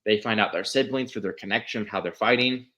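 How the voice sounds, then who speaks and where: Casual male podcast co-host, low-ish voice, excitable and rambling, swears freely. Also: a little fast, lo-fi sound. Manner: rambling, excitable, profane, with many restarts. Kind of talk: casual chat, retelling a story.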